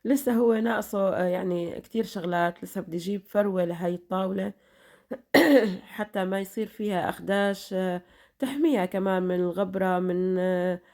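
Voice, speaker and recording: A middle-aged vlogger with a Levantine Arabic accent chats casually with her followers, still sounding tired from an illness and repeating blessings and fillers throughout. Her voice is medium in pitch and a little mellow, and she talks slightly fast with long pauses.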